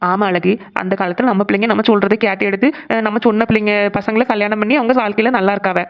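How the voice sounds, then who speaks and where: A woman voicing an older father, calmly advising his family in a cartoon. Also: mid-range voice, fast talker, pitched below the performer's own voice, close to an everyday voice. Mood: reassuring. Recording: dull lo-fi recording.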